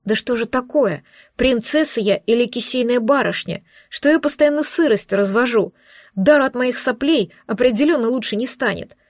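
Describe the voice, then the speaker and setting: For audiobook dialogue, a woman voices a young princess who is tearful and anxious, pleading, sobbing and fretting in a flustered way. Her voice is on the high side and expressive at normal speed, with clean studio sound and no room echo.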